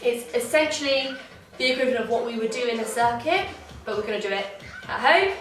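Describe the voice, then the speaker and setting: Young female dance teacher, high and bright, slightly out of breath, distant in a roomy space. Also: lively intonation, brisk. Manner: encouraging, counts beats aloud. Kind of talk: online dance warm-up class. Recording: echoey room, distant from mic, faint music.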